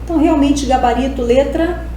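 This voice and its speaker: A woman's voice: high-pitched, a little fast, warm tone. A woman from Brazil, a Portuguese teacher, going through exam questions step by step and answering her own questions. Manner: explains step by step, asks and answers herself. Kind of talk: exam-prep video lesson. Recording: very echoey room, faint hiss.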